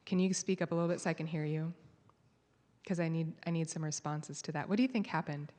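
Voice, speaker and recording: Long reverb from the hall surrounds an American conference speaker whose voice is low-pitched and dark-toned. She talks fast during her live talk, telling a story and putting questions to the audience.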